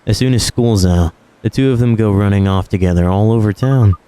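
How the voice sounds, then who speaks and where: A man's voice: lowish voice, a little fast, warm tone, clear, resonant tone, lightly acted. A man reading the lines of a chatty, cheerful young girl in a game.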